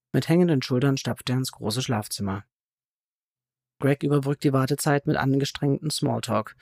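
Gravelly male audiobook narrator. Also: mid-range voice, darkish tone, dry recording, clean studio sound.

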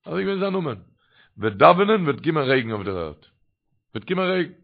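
A man telling religious stories in a sermon, lively and rising sharply in pitch whenever he quotes someone. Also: fast talker, vocal fry. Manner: animated, rising sharply when quoting others. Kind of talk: storytelling sermon. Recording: dull lo-fi recording.

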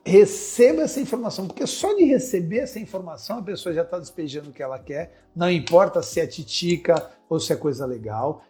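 A man's voice: a little high, dark tone. A Brazilian man hosting a podcast lesson, talking in a slangy way and firing off punchy rhetorical questions. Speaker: podcast host giving business advice.

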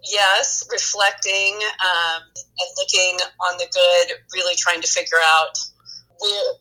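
A woman's voice: fairly low pitch, fairly even intonation, slow, pushed and bright, soft background music, rough recording. A woman turning fifty, talking reflectively in a casual conversation, with many fillers and restarts. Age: 50s. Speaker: guest.

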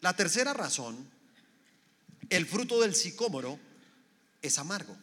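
A man's voice: high-pitched, big pitch swings, a little slow, pushed and bright, breathy edge. Preaching man in an echoing hall. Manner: preaching with rhetorical questions, acting out quoted people. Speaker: pastor. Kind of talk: sermon.

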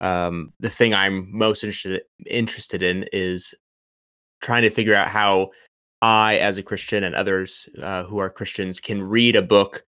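A young PhD candidate guesting on a podcast talks in a low, steady, sharp yet smooth voice at a measured pace. It's a casual interview chat, and he thinks aloud thoughtfully with lots of ums and restarts. The studio recording is clean, with no room sound.

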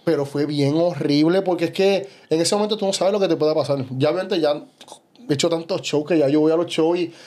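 Animated Puerto Rican man, fairly high voice. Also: brisk. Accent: Puerto Rican Spanish. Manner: animated storytelling, frequent "¿sabes?". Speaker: bodybuilder guest. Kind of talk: casual podcast conversation.

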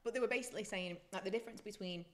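A woman's voice: mid-range voice, rapid-fire. A woman co-hosting a podcast, talking in a frank, reflective way in a casual chat. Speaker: podcast co-host.

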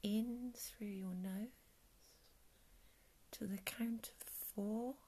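A woman with a soft, calm whisper, guiding a breathing meditation in a soothing ASMR style. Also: medium pitch, drawn-out words, breathy edge. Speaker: meditation guide.

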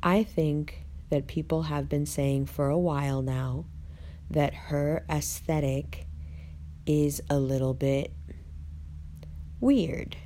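A woman hosting a casual online video, chatting to viewers with rolled R's and deliberate pauses in an opinionated, conversational way. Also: sits low, mellow. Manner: rolls her R's. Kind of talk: casual chat, talking to viewers.

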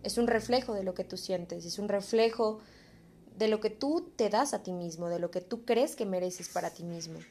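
A woman's voice: mid-range voice, moderate pace, dark tone, a little hiss or hum. Earnest young Mexican woman vlogging. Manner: earnest, encouraging, casual slang. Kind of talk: reflective vlog monologue.

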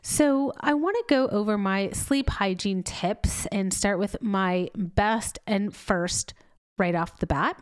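A woman's voice: mid-range voice, slow, hardly any pauses, clear, resonant tone, no echo, studio quality. A middle-aged woman, a doctor, giving a chatty health talk while sounding congested and nasal, with asides and laughs. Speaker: doctor and health podcast host.

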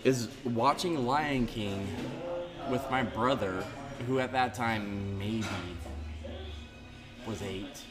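Loud music plays behind a medium-pitched man who talks slowly with long pauses. He's in his thirties, from Central California, and guesting on a podcast in a bar, where his casual chat rambles discursively.

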